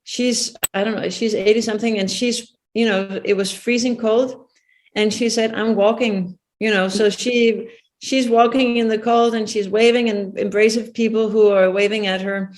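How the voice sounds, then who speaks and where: A woman's voice: medium pitch, fairly even intonation, moderate pace, darkish tone. Thoughtful Danish-accented woman producer. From Denmark. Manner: thoughtful, searching for words with restarts. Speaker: film producer, guest. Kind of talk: interview answers.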